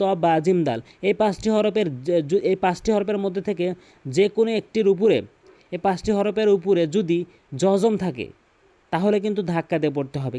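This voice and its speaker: A man with a Bangladeshi accent teaches Quran recitation in Bengali, explaining pronunciation rules step by step, reciting examples and repeating key points. His voice sits high and sounds mellow.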